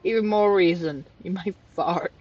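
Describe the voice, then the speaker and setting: A woman's voice: on the low side, a little slow. A woman streamer chatting playfully with viewers over a game, joking and giggling. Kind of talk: casual stream chat over gameplay. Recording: dull lo-fi audio with faint music.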